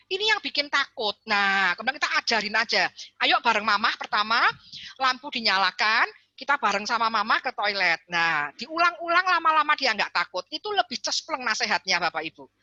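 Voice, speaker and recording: A woman psychologist and counselor giving a parenting talk over a video call, lively and acting out parents and children as she explains. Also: high-pitched, no echo, muffled recording. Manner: animated, acts out parents and children in quotes; addresses listeners repeatedly as parents. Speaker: guest speaker, psychologist and counselor.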